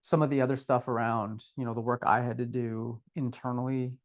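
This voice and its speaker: Reflective man with a gravelly voice. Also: mid-range voice, level tone, fairly quick. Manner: reflective, candid, self-deprecating. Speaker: podcast co-host. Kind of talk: casual conversational podcast.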